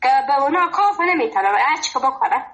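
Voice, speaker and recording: A woman's voice: high-pitched, animated, a bit bright. A woman from Farah province in Afghanistan with a Farahi Dari accent, calling in to a show and chatting playfully, laughing often. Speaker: caller. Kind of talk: phone call-in chat. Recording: dull phone line.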